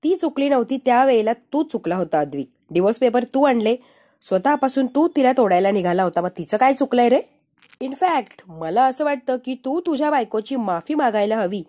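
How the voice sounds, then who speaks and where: Brief: woman doing a man's own inner voice, needling and lecturing, dark, slightly high tone. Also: expressive, moderate pace, close to an everyday voice. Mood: scolding.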